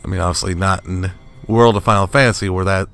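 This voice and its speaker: Low-voiced man rambling over gameplay. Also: steady tone, fast, gravelly, a bit bright, clear, resonant tone. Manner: rambling, self-interrupting, chuckling asides. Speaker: let's play host. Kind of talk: casual gameplay commentary. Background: faint game music and sounds.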